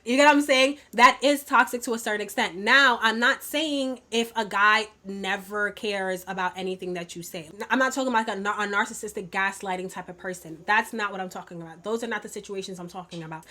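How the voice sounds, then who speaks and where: A woman vlogger in a casual get-ready-with-me chat, emphatic and repeating her points in quick bursts. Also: mid-range voice, pushed and bright.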